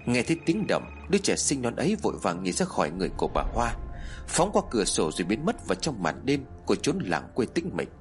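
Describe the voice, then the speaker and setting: A man narrating a horror story with dramatic, lively delivery. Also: on the low side, fast, faint music behind.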